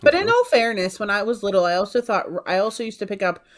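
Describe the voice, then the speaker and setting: A woman's voice: mid-range voice, sing-song, fast. Chatty, teasing woman co-host. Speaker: live stream co-host. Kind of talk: casual live stream chat.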